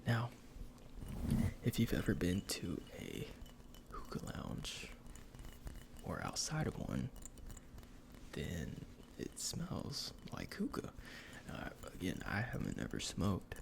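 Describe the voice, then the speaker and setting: A man in a whispered role-play as a salesman, speaking in a breathy, gravelly whisper with informal, hesitant explanations. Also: low-pitched, wildly swooping pitch, takes it slowly, long pauses, background noise. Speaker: ASMR performer playing a cologne salesman.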